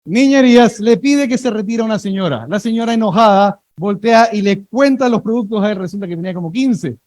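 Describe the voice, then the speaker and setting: A male pastor preaching a sermon, telling lively everyday stories and having the congregation repeat words after him. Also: high-pitched, brisk, dry recording, rough recording.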